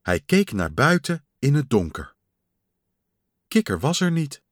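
Male storybook reader, very slow and expressive, dry close mic. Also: medium pitch, dry recording. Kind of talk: children's story read-aloud.

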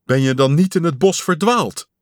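A man's voice: a little high, normal speed, no room sound, clean studio sound, voice pushed up, close to an everyday voice. A man doing a fretful male toad. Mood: relieved. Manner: fretful, rising to loud cries. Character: anxious caring male toad.

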